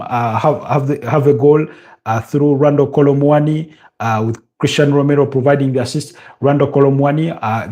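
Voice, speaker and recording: A livestream host with a medium-pitched, dark-toned voice and a Ugandan accent keeps a football watch-along going live. He talks casually, works through viewer comments, and drops in many fillers.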